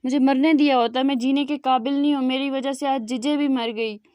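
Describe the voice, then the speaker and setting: A woman's voice: high voice, steady tone, fairly quick, warm tone, clear, resonant tone, dry recording, lo-fi sound, lightly acted. A woman voicing a guilt-ridden young man who pleads through his grief in broken speech. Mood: grieving.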